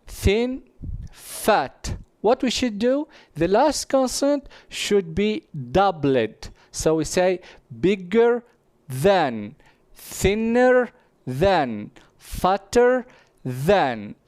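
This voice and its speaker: Man, Arabic first language, English grammar teacher, very slow pace, repeats example words, dry close sound. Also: high-pitched, sing-song, a little mellow, no room sound. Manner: deliberate, repeats each example word, often says "here".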